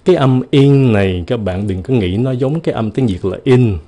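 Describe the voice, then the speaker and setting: A man giving a casual video lesson on pronunciation, repeating example words slowly and exaggerating the sounds. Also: medium pitch, mellow. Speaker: English pronunciation teacher.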